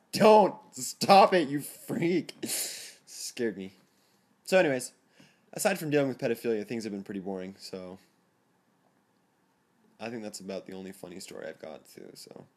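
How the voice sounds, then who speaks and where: Rambling teenage boy vlogger. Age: teens. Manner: rambling, self-conscious, laughing, quick to jump into a higher excited voice. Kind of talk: casual storytelling vlog.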